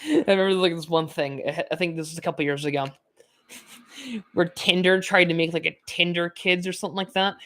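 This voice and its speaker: Talking fairly quickly in a steady, lowish and fairly bright voice, a nineteen-year-old gaming YouTuber narrates her play. Her let's-play commentary rambles chattily, with lots of "like" and frequent laughs.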